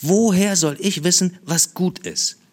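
A man reading aloud, voicing a restless, teasing young boy with a raised, quick voice. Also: darkish tone. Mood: teasing, probing. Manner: quick, raised boyish pitch. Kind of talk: audiobook reading.

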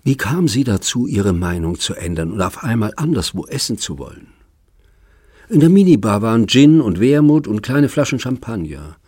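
Brief: deep, husky male narrator for literary audiobook; even, measured reading, close dry studio sound. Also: no room sound.

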